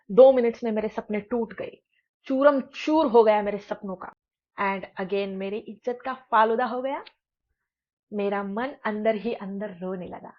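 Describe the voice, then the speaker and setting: A young woman vlogger telling a storytime tale in an animated, dramatic, self-mocking way. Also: on the high side. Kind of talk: storytime vlog. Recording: dull lo-fi sound.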